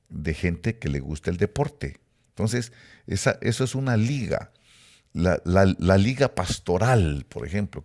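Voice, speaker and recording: Preaching from Costa Rica, a middle-aged man delivers sermon teaching in a very deep register roughened by a gravelly rasp. Emphasized words rise and swell before he sinks into quiet, low asides, and his speed keeps shifting throughout.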